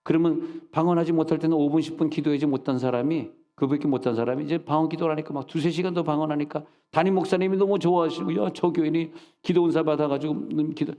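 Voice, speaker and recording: A middle-aged male pastor preaching, his voice a touch high yet dark and mellow. He tells stories with animated, scolding mock insults. The sound carries a long reverb from the church hall. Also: quick pace, few pauses. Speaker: senior pastor. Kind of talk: sermon. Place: church sanctuary.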